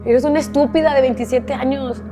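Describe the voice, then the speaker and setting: A woman's voice: high voice, steady tone, a little fast, music in the background. A woman from Monterrey with a Mexican accent, a guest telling her life story candidly, repeating herself and swearing casually. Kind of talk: emotional personal storytelling.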